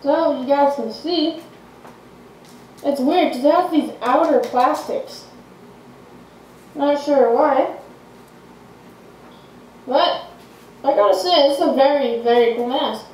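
A woman's voice: sits high, slow, pauses often, darkish tone. A woman vlogger talking through a gas mask, gushing and enthusiastic in a casual show-and-tell. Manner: enthusiastic, gushing, filler-heavy. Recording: echoey room, distant mic, faint hiss.

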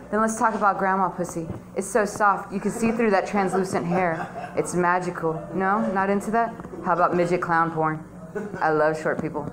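On a small, dimly lit comedy club stage indoors, a middle-aged woman performs open-mic stand-up, spinning crude, slang-heavy stories in a chatty way. Her voice is mid-range, and there's background noise. She holds a stage mic, filmed by a phone close below.

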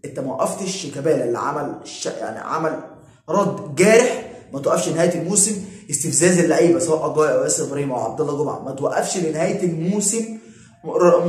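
A man with an Egyptian accent hosting a casual football opinion vlog, arguing his point with rapid repeated phrases. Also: fairly high pitch, a little mellow, echoey room. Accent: Egyptian Arabic. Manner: rapid, repetitive, argumentative. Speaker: football commentator and channel host.

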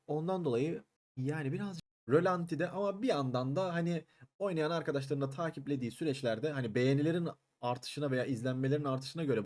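A man talks through a let's play at a rapid clip in a voice of ordinary pitch. He chats with his viewers between fights. He turns loud and curses at the enemies in the thick of battle. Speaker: gaming channel host. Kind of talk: let's play gameplay commentary.

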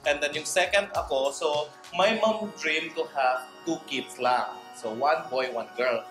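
With a fairly high, unhurried voice, a thirty-something Indonesian vlogger chats playfully to camera and switches between languages. The room, with its wood-panelled wall, sounds reverberant, and music plays in the background.

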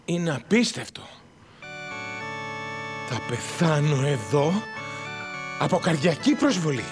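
Panicky, fussy school director. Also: male voice, fairly high pitch, big pitch swings, in a large hall, music in the background. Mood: bossy. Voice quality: theatrical, flustered. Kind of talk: dubbed TV drama.

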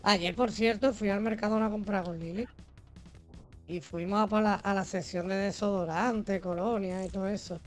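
A woman from Spain, by her accent, talks casually while streaming a video game, full of slang, jokes and swearing. Game music plays in the background. Her mid-range voice holds a steady tone at a moderate pace.

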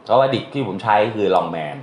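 A man's voice: sits low, lively intonation, brisk. A man teaching a translation class in a casual, chatty way, often quizzing his students with questions. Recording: echoey room with faint noise.

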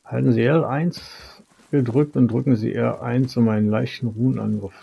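A man's voice: medium pitch, steady tone, moderate pace, creaky, mellow, slightly rough. A man giving casual commentary as he plays through a video game. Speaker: let's player.

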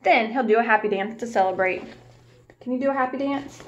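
With a fairly high voice, a young woman shares a picture book with small children in a teacherly, warm way, posing questions and pausing like a preschool teacher. She records in a small room at home on a webcam held at arm's length. The highs are cut off, and there's slight background noise.

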